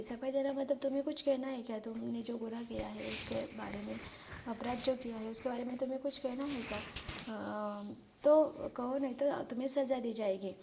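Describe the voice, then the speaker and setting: A woman teacher retells a story for young pupils in a fairly high, mellow voice. She pauses often to explain words and idioms. Faint noise runs under the recording.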